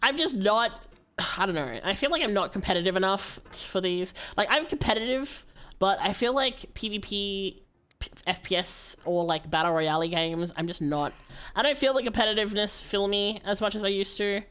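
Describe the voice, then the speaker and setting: Woman, game streamer, casual chat with viewers, medium pitch, animated, theatrical exclamations. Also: normal speed. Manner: animated, playfully dramatic, exclaiming and pleading. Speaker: livestreamer hosting a game stream.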